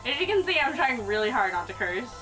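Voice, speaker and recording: A woman's voice: a little high, big pitch swings, fast talker. A drunk woman chatting casually through a makeup tutorial, rambling, sentimental and easily sidetracked. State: drunk, tipsy. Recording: music playing behind the voice.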